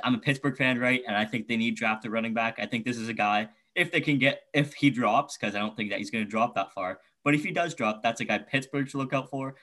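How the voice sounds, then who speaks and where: A man with an average-pitched voice co-hosts a sports podcast. He talks in a casual, conversational style, like a fan chatting with a friend. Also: sharp tone. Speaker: podcast co-host.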